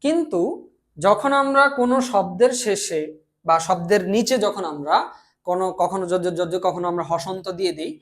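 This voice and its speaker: A man's voice: high voice, moderate pace. A young man from Bangladesh teaching a language lesson, explaining step by step, often repeating himself and answering his own questions. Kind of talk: classroom lecture.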